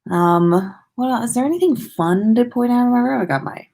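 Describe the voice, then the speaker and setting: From her room at home, an American woman livestreams her podcast in a fairly high, darkish voice with vocal fry and a moderate pace. She sounds tired, and her delivery is casual, rambling, and playful, with sing-song asides.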